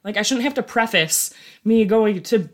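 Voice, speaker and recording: A woman's voice: mid-range voice, expressive, normal speed. A woman in her thirties co-hosting a podcast, chatting casually and acting out quotes with a self-deprecating tone. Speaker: podcast co-host. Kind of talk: casual chat.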